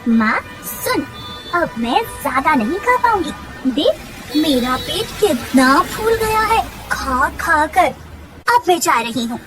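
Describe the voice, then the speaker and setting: A woman's voice: high-pitched, big pitch swings, slow pace, music in the background, exaggerated voice, poor audio. A woman voicing a crazed, taunting schoolgirl. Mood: childlike pleading. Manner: singsong taunting, then pleading. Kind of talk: Hindi cartoon story voice acting.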